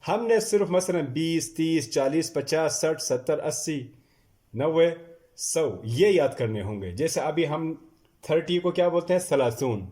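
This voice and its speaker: A man teaching a classroom lecture, drilling numbers slowly and stressing each one as he repeats it. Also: a little high, expressive, warm tone. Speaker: Arabic teacher. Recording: echoey room.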